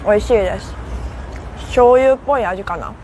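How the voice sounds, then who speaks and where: A woman's voice: medium pitch, normal speed, darkish tone, slight background noise. A young woman from Korea chatting casually in Japanese with a Korean accent that has a Kansai lilt, hosting a live stream on a city rooftop and answering viewers' comments. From South Korea. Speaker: livestream host.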